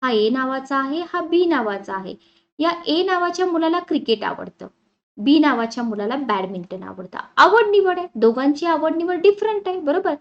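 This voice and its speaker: A woman's voice: high-pitched, lively intonation, moderate pace, muffled recording. A woman teacher giving an exam-prep lecture. She talks in a conversational way and keeps asking the class questions.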